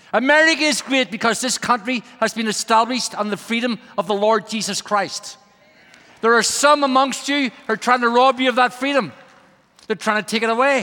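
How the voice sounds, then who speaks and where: A middle-aged Irish missionary, guest-preaching a humorous sermon in a large church sanctuary, has a high, bright, ringing voice. He jokes first, then builds to rousing, emphatic calls, and the big hall gives his words a long reverb.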